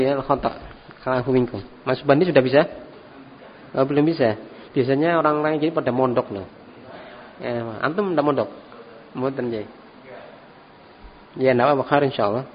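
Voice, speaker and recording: Relaxed man teaching. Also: mid-range voice, normal speed, long pauses. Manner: relaxed and encouraging, tags phrases with "ya". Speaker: Arabic teacher, religious instructor. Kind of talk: classroom lesson. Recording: dull recording with long hall reverb and faint ambient noise.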